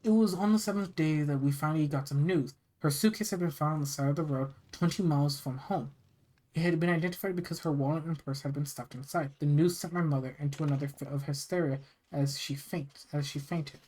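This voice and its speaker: Horror story narrator from the US, mid-pitched, halting read with repeated phrases and casual delivery. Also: darkish tone, low-quality recording. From United States. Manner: halting reading, often stumbling and repeating phrases. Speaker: narrator reading scary stories. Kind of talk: reading a first-person horror story aloud, with casual asides.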